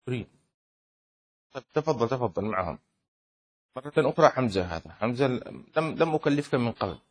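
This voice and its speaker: A man's voice: mid-range voice, animated, fairly quick, breathy edge. A male sheikh teaching a class of students, often quizzing them and stretching key words for emphasis. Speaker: sheikh teaching Shafi'i law. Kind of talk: interactive classroom lesson.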